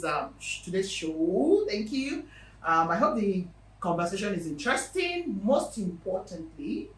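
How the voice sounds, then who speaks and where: A woman's voice: medium pitch, roomy sound, recorded from a distance, rough recording. A Nigerian woman hosting a real estate show, talking casually to her viewers with emphatic repetition. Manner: lively and chatty, with emphatic repetition.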